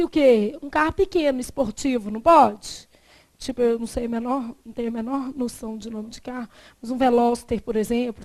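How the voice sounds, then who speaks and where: Brazilian lady teacher, kinda high voice, keeps asking the class questions. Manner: asks the class rhetorical questions, chatty asides. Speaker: Portuguese teacher. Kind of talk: classroom grammar lesson with personal anecdotes.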